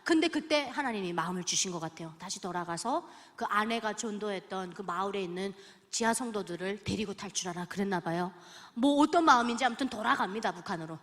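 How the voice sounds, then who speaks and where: A woman from North Korea giving an emotional, animated testimony sermon in a church. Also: medium pitch, fast talker, big-room sound. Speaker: guest speaker giving testimony.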